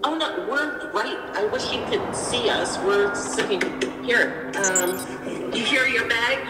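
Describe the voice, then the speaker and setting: A woman's voice: a little high, takes it slowly, over loud music. A woman chatting casually as a guide, giving directions in a reassuring way. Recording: echoey with faint noise.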